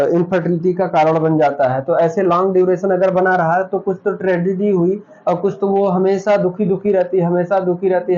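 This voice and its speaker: A man lectures a nursing class in a high but mellow voice. He keeps asking questions and answering them himself, and he repeats each key term. The sound is dull and lo-fi. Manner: repeats key terms, asks and answers his own questions. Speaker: nursing teacher.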